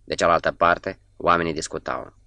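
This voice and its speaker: A man reading a novel aloud as an audiobook narrator, in a measured, steady delivery. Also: sits low, gravelly, clear, resonant tone, dry recording, highs cut off.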